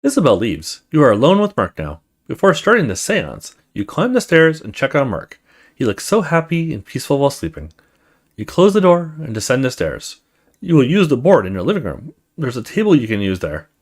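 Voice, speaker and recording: A male let's play host reads out a horror story game, swinging his pitch hugely as the story unfolds. He moves briskly, alternating the game's scripted narration with informal remarks of his own.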